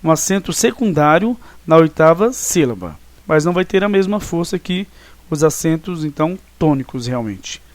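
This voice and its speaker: A man's voice: fairly high pitch, animated, moderate pace, dry recording. A male teacher giving a recorded online class, explaining step by step and often checking that students follow. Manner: explanatory, with frequent checking tags.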